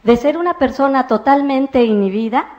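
A woman's voice: high voice, normal speed. A woman giving a motivational talk at a business convention, telling stories and acting out the dialogue. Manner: animated storyteller acting out dialogue. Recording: muffled lo-fi recording.

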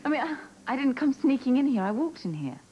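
A woman's voice: high voice, very animated, fast talker, lo-fi sound, a little hiss or hum. A woman acting in a daytime soap opera as a detective and wife who keeps asking probing, insistent questions.

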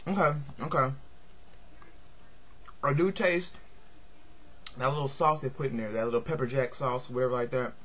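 A man's voice: mid-range voice, fairly even intonation, moderate pace, pauses often, a bit bright. Man talking through a mouthful. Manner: blunt, plain-spoken. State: talking while chewing. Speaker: food reviewer. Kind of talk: casual taste-test vlog. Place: home computer desk.

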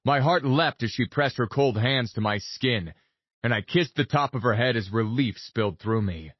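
A man's voice: mid-range voice, moderate pace, husky, dry recording, lo-fi sound. A man narrating a romantic fantasy audiobook in the first person with an intense, brooding delivery.

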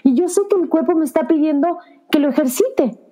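A woman co-host with a high but mellow, warm voice chats in a personal, friendly way and talks straight to her listeners. The setting is a relaxed podcast conversation. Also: fairly quick.

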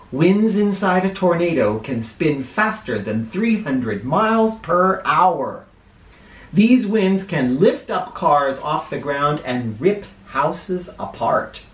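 A middle-aged American man with a voice on the high side reads a picture book to children, adding spoken asides as host. His intonation is very animated and swooping, and he takes his time, leaning into words for dramatic, deliberate emphasis. A camera captures roomy, echoey sound in a small indoor living room.

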